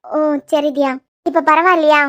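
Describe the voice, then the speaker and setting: A woman's voice: sits high, fairly even intonation, moderate pace, fairly bright tone. A woman voicing Pavi, a weary, worried young working woman in a cartoon series, speaking in a troubled way with a Kanyakumari Tamil accent. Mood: plain. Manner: troubled, pleading. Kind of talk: cartoon web series voice acting.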